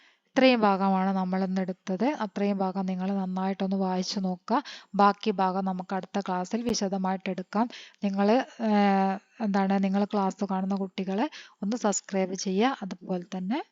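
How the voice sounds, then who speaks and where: A woman from teaching an online lesson, reading text slowly and then quickly glossing words one by one. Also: medium pitch, fairly even intonation, a little mellow, dry recording. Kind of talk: online Hindi lesson explained in Malayalam. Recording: dull lo-fi sound.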